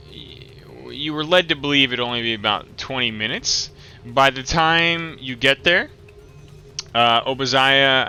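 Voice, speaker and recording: A man narrating a tabletop game as game master, improvising descriptions in a halting way. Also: medium pitch, bright, forceful tone.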